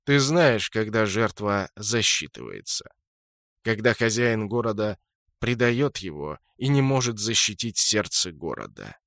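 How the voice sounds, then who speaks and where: A man voicing a calm, menacing male dark elf god who speaks slowly and coldly. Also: lowish voice, no echo, clean studio sound. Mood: cold, commanding. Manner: slow, cold and commanding.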